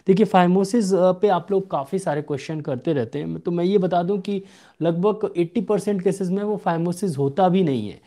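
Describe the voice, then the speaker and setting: A young male homeopath's voice sits high as he answers questions from viewers during a live clinic. His delivery is steady and instructive, with slower reading of the questions. He's in a small room at home, recorded by a desk webcam.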